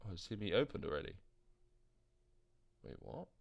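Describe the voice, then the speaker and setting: A man's voice: on the low side, big pitch swings, moderate pace, gravelly, highs cut off. A man hosting a live trading stream, rambling and thinking aloud over charts as he answers viewer chat, tired and yawning. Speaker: crypto trading livestream host. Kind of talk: casual live chart commentary.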